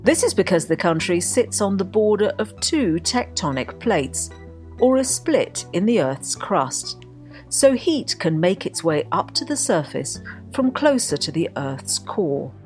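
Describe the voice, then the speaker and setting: A woman narrating a documentary script with a husky voice. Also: mid-range voice, big pitch swings, measured pace, a little mellow, soft background music.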